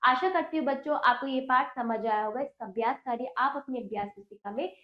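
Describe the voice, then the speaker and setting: A woman teacher reading a children's textbook lesson aloud with slow, deliberate diction and quizzing the children with questions. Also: sits high. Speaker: primary school Hindi teacher. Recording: roomy, dull lo-fi sound.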